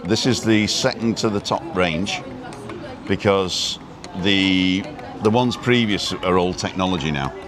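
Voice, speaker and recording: An Englishman in his sixties hosts a live walking stream outdoors on a busy street, chatting and rambling with frequent "uh" fillers. His voice is low-pitched and his pace measured, against loud crowd noise.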